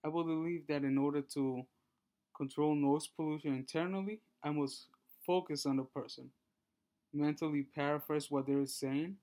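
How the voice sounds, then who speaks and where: A man in his twenties from Honduras, giving a class presentation and reading through his slides in a measured way with small restarts. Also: fairly high pitch, fairly even intonation, dark tone. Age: 20s. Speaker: student presenter.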